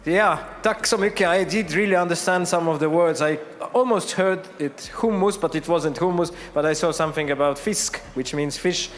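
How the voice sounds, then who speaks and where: A man's voice: on the high side, normal speed, hardly any pauses. A man hosting a live on-site interview, asking playful, joking questions. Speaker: event host and interviewer. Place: large competition hall. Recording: reverberant arena hall.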